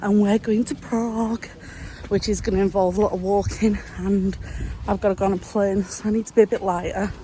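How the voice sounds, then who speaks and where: A woman's voice: mid-range voice, little pitch movement, a little fast, mellow, slight background noise. A woman, chatting frankly and self-deprecatingly in a casual vlog recorded on a phone held at arm's length. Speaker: vlogger.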